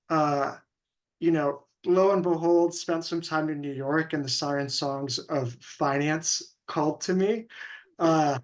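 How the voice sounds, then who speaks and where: A young man from California, a guest in an interview, talking earnestly and thoughtfully as he searches for words. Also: fairly high pitch. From California, USA. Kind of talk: conversational interview.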